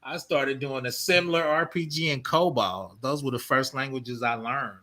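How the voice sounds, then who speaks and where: A man's voice: medium pitch, normal speed, sharp tone. A man in his fifties hosting a casual tech chat, laughing often as he talks. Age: 50s. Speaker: host.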